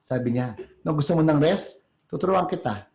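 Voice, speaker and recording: A man preaches a sermon in a casual, conversational way. He keeps checking in with rhetorical tags. His voice sits a little high and rings in a reverberant room. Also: lively intonation, normal speed, gravelly, a little mellow. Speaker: pastor.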